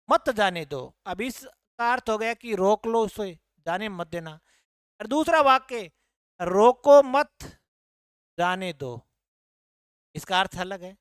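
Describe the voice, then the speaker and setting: A man's voice: high voice, a bit bright, clean tone, no echo. A man teaching a grammar class, explaining patiently and repeating key points as he points to the board.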